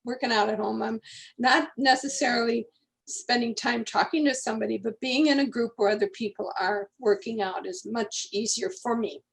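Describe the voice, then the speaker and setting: Chatty gravelly woman in her eighties. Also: fairly high pitch, moderate pace. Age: 80s. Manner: chatty, rambling storyteller. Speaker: guest. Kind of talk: casual conversation.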